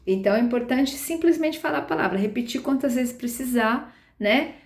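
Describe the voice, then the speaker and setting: A woman's voice: a little high, animated, normal speed, echoey room. A woman teaching a class on early literacy, explaining step by step with patient, frequent check-ins to her listeners. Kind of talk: explanatory lecture.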